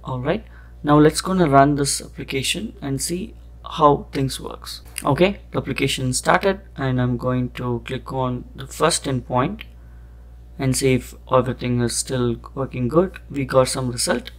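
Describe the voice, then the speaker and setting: A man walks through code in a screen-recorded programming lesson. His pitch sits in an ordinary middle range, and he explains step by step, thinking aloud and padding his sentences with "okay" and "that's it". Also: a little slow. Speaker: coding tutorial host. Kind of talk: screen-recorded coding walkthrough.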